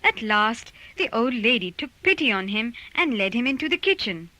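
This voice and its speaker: A woman narrating a children's storybook recording with lively, expressive storytelling. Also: on the high side, moderate pace, dry recording, low-quality recording.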